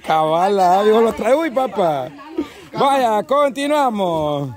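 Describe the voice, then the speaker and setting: A man's voice: high-pitched, big pitch swings, slow. A man with a Salvadoran accent hosting a party game outdoors, calling out directions in playful, repetitive bursts. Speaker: game host. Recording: loud crowd chatter behind.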